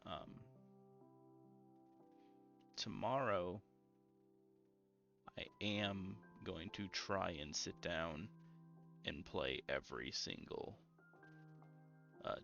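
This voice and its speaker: A young man streaming a game in a calm, low-energy, mellow way, full of ums and easy asides. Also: gravelly. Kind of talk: casual gameplay stream chat. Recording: slightly muffled lo-fi audio with faint music.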